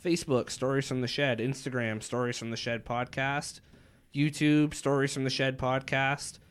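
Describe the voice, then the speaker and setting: Żartobliwy współprowadzący, luźne docinki. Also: male voice, mid-range voice, little pitch movement, moderate pace, clean tone. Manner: joking, wry asides. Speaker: podcast co-host. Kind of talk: casual chat.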